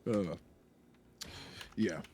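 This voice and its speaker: A man's voice: drawn-out words, mellow, slight background noise. A man playing a tabletop role-playing game, chatting loosely and laughing often, with casual profanity. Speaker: player. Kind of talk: tabletop role-play chat.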